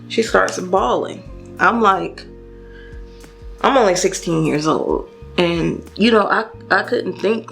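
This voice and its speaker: Young woman vlogger, gravelly fry, rambling storytime over faint music. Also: on the low side. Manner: casual, chatty, many fillers and restarts, addresses viewers directly. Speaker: beauty vlogger. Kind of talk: storytime while doing makeup.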